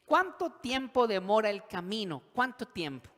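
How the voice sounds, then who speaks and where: A pastor preaches in a slightly high voice, swinging from loud acted pleas to hushed emphasis. He leads his congregation in call-and-response. The sound rings with the long reverb of a large hall. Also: big pitch swings, normal speed. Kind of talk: sermon. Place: church hall.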